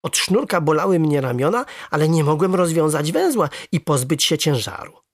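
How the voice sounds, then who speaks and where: A storyteller reading a first-person children's story aloud with lively, expressive narration. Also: mid-range voice, moderate pace, dry recording, studio quality.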